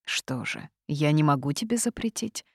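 A woman voicing a stern older witch who leads a cave people, speaking low and weary. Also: sing-song, normal speed, vocal fry, a little mellow, slightly rough, dry recording, studio quality, exaggerated voice. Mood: grave. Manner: weary, grave. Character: stern old cave witch, heavy-sighing leader.

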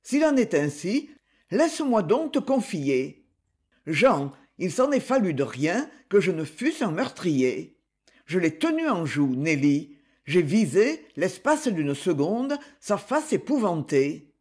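A man voicing a troubled, restrained man who speaks in an earnest, confessional way, with a high, lively, slightly husky voice at a slow pace. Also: full character voice.

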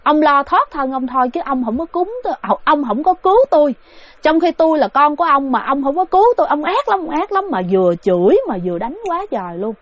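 A woman's voice: mid-range voice, very animated, quick pace, few pauses, warm tone, voice pushed down. A woman voicing a young woman possessed by a drowned man's ghost, crying out shrilly. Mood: furious. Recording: dull, dry recording.

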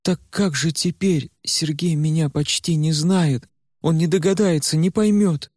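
A man voicing a frantic young woman trapped in a withered old body, pleading in a high, strained voice. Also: a little slow, darkish tone, dry recording, clean studio sound. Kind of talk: audiobook character voice.

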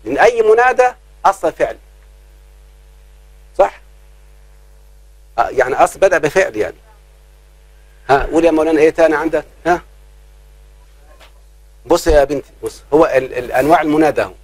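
A man with an Egyptian accent teaching grammar in a live class, checking often whether students follow and drawing out his examples slowly. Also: fairly high pitch, expressive, no room sound, low-quality recording. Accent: Egyptian Arabic. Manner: keeps quizzing students, slows down to drawl examples.

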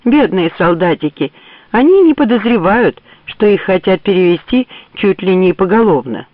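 A man's voice: high-pitched, sing-song, moderate pace, no room sound, voice pushed up. A man voicing a grumbling, sarcastic old general in a mocking way. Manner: sneering, mocking. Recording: tinny phone-like dry audio.

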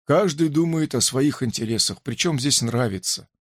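A man voicing a sullen ranch hand who answers low and curt. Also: lively intonation, normal speed, no room sound, clean studio sound, lightly acted.

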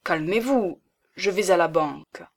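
A woman's voice: on the low side, a little slow. A woman voicing an eager, gallant middle-aged bourgeois man who makes fervent, emphatic promises. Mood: reassuring.

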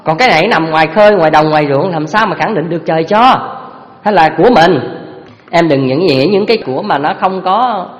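A man giving a Buddhist sermon, telling stories in a lively way and addressing his listeners directly. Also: fairly high pitch, fairly quick, highs cut off. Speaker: Buddhist Dharma teacher. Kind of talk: storytelling sermon. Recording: reverberant hall.

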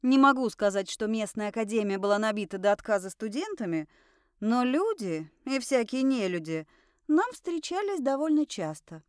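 A woman narrates a first-person audiobook with a lively, wry delivery. Her voice sits a little high and swings widely in pitch. The sound is smooth, clear and dry, close to the mic. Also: moderate pace, dry recording.

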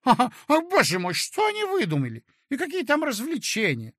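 A shrill, scatterbrained young wife who whines, pouts and keeps exclaiming, as a male audiobook reader puts her on. Her voice is high and sharp, read dry and close with no room around it. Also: huge pitch swings, normal speed, dry recording, full character voice. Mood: indignant, squeamish. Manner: petulant, whiny, exclaiming. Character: flighty capricious young married woman. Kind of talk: audiobook character voice.

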